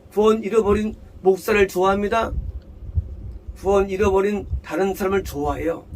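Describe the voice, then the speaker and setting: Male pastor, high voice, questions and answers himself, blunt and scolding, faint hiss behind. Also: poor audio. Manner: questions the hearers, then answers himself, mixing English scripture words into his talk; blunt, scolding, speaks to hearers as "you". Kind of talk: expository sermon. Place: church in Seattle.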